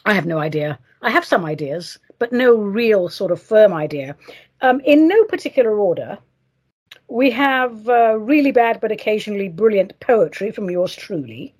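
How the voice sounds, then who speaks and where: A woman's voice: mid-range voice, expressive, normal speed, darkish tone, slightly rough. A woman hosting a solo show in a playful, theatrical way, addressing listeners fondly. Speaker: show host.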